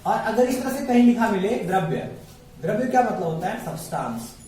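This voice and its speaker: Teaching science a little fast, a high-pitched man peppers his class with repeated questions and calls students "babu" with affection. He's heard from far away in an echoey classroom with steady background noise.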